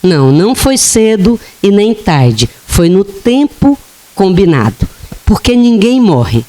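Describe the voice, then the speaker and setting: A woman's voice: mid-range voice, big pitch swings, warm tone. A woman giving a spiritist lecture to an audience, telling humorous anecdotes and acting out the voices of people in them. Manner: slow, humorous storytelling with acted-out quotes. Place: lecture hall of a spiritist center.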